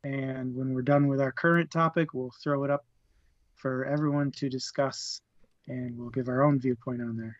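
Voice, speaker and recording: In a dry recording with no room sound and the highs cut off, a man speaks at normal speed with a medium pitch and steady tone. He co-hosts a live book discussion stream, casually chatting through plugs and a rundown, laughing a lot and occasionally fumbling his words.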